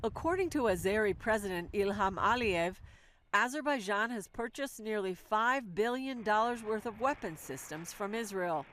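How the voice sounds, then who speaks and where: A woman's voice: medium pitch, expressive, normal speed, a bit bright, slight background noise. A woman with an American accent narrating a scripted news report as a correspondent.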